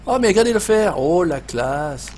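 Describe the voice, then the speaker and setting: A man's voice: on the high side, lively intonation, moderate pace, darkish tone. A man with a Savoyard French accent hosting a casual live gaming stream, swearing often, joking and reading chat messages aloud.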